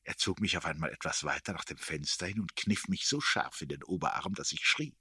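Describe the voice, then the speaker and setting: A man reads literary prose aloud, measured and expressive, sinking into a hush when the tension rises. His voice is very low and husky, with a sharp, cutting edge. The sound is close and entirely dry. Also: no room sound. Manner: measured, expressive, hushed in tense moments. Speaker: narrator. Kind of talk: literary audiobook reading.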